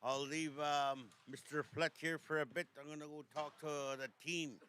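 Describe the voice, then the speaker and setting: A man with a Canadian accent commentating a local hockey broadcast, making unhurried, relaxed asides. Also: a little high, smooth. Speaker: play-by-play commentator. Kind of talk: live sports commentary.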